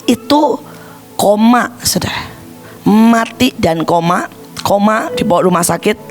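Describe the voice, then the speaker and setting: An older woman evangelist preaching a sermon, impassioned, breaking into shouts and addressing the congregation again and again. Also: animated, a little slow, faint music behind. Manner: high-pitched exclamations with wide swings.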